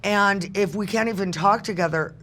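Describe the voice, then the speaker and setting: A woman's voice: medium pitch, normal speed, fairly bright tone. A woman on a discussion panel, speaking in an earnest, insistent way. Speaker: panel guest.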